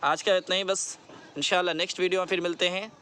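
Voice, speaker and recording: Slow, drilling male teacher. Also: high voice, flat delivery, pushed and bright, clear, resonant tone. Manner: slow, deliberate, repeats words for drilling; mixes English phrases into Hindi explanation. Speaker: English teacher. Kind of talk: classroom-style lesson.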